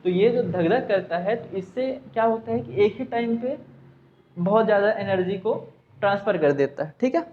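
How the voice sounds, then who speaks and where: A man's voice: high-pitched, animated, normal speed, phone-quality sound, a little hiss or hum. A man teaching a science class, with a Hindi accent, who asks and answers his own questions and mixes in English terms. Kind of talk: class lesson.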